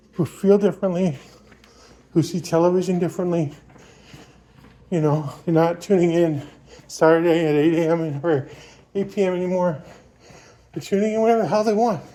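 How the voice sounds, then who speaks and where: A man's voice: sits high, normal speed, pauses often, warm tone. A man talking casually to his vlog while out on a run, rambling through his opinions in an informal way. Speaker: vlogger.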